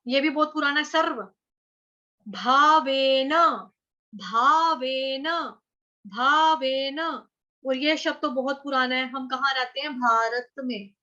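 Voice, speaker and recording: A woman teaching Sanskrit verse recitation in an online class, breaking words into syllables and repeating them slowly. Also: sits high, pushed and bright, dull audio. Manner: slow syllable-by-syllable chanting with repeated drills. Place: online class over video call.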